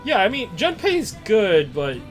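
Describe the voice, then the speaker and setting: Joking man streaming a game, slow talker. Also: high-pitched, wildly swooping pitch, faint music behind. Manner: joking, laughs often. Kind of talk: casual gameplay chat.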